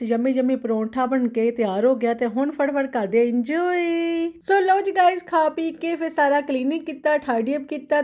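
A woman with a Punjabi accent chats casually for her daily home vlog, chirpy and exclaiming while dropping English phrases into her talk. Her voice is high-pitched with a dark tone.

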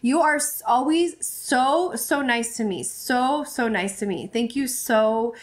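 A woman's voice: on the high side, slow. A woman in her forties chatting casually on her vlog, effusive and gushing, rambling with frequent restarts. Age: 40s. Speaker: vlogger. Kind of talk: casual chat opening fan mail.

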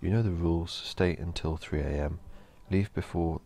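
A man's voice: sits low, moderate pace, mellow. A man voicing a taunting teenage bully. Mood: menacing. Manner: taunting, blunt threats. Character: cocky teenage quarterback bully, threatening.

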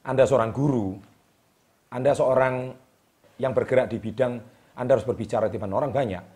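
A man's voice: medium pitch, darkish tone. Emphatic man giving motivational tips. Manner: emphatic, repeats key words with a drawn-out "ya". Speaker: host. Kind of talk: motivational talk to camera. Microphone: speaking straight to the camera.

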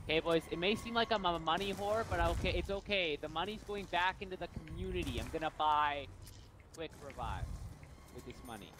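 A young man chatting casually over a video game, rambling, swearing and getting excited. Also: fairly high pitch, brisk. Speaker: gamer. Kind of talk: casual gaming chat.

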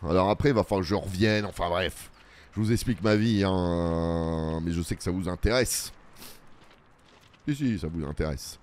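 A man with a fairly low voice talks his way through a video game in a loose, chatty commentary. He mutters running remarks to himself as he plays, and he keeps turning to his viewers with self-mocking asides. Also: normal speed, darkish tone, a little hiss or hum. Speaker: let's play host. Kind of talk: casual gameplay commentary.

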